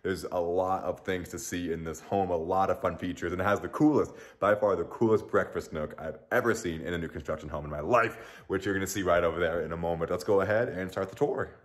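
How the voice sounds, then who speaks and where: A man with a very low, deep voice leads a walking tour of a new home as a realtor. He sounds excited and upbeat, pitching each feature with a salesman's enthusiasm. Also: fast, hardly any pauses. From Denver area. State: out of breath.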